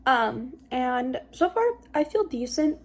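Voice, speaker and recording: A young woman talks through a casual vlog update in a somewhat high voice. She rambles informally, hesitating and circling back as she goes. The delivery is unscripted and conversational. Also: lively intonation, takes it slowly. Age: young adult. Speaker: vlogger.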